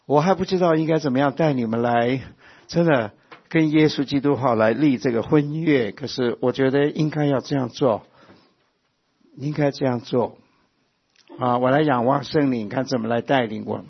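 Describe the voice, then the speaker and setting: A man preaching a sermon with passion, rising to loud exhortations and dropping to soft, quiet asides. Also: mid-range voice, normal speed, creaky, breathy edge. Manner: impassioned, swings between loud exhortation and soft intimate asides. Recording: muffled lo-fi sound.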